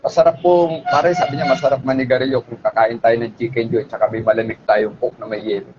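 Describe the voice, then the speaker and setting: A man's voice: mid-range voice, steady tone, fast, a little mellow. A man telling a story in a polite, conversational way, often checking in with his listeners. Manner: polite, with frequent tag questions. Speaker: speaker retelling a police hostage story. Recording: muffled lo-fi with faint background noise.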